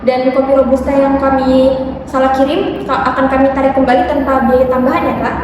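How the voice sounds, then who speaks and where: A young customer service officer acted by a woman speaks in a polite, apologetic service voice. She is high and quick, in an amateur business role-play recorded in a very echoey room. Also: little pitch movement, close to an everyday voice. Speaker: student acting in a class presentation. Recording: very echoey room, distant mic, noisy.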